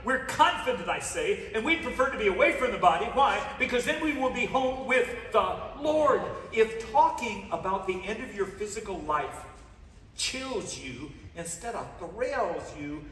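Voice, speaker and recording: Preaching as a guest pastor in a church sanctuary, a man with a high, a bit bright voice speaks at a moderate pace with lively intonation. He mixes stories with playful asides and calls on the congregation to answer aloud. The distant mic picks up an echoey hall and background noise.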